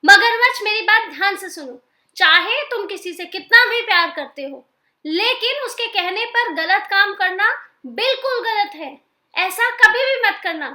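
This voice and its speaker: A woman voicing a clever female crocodile wife in a children's storybook, firm and brisk as she lectures. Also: very high voice, expressive, sharp tone, heavily acted. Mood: kind. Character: sharp clever female crocodile wife, stern then kind.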